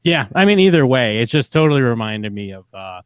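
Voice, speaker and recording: A man's voice: medium pitch, big pitch swings, a little fast, clean tone, no echo. A man co-hosting a casual podcast about a TV show, talking hesitantly with lots of fillers and restarts. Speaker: podcast co-host. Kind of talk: casual chat reviewing a TV show.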